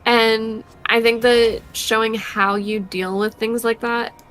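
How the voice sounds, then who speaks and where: A woman's voice: a little high, flat delivery, slow pace, fairly bright tone. A young woman co-hosting a board game stream, talking casually with many fillers while she plays. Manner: chatty, many fillers, laughs often. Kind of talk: casual chat while playing.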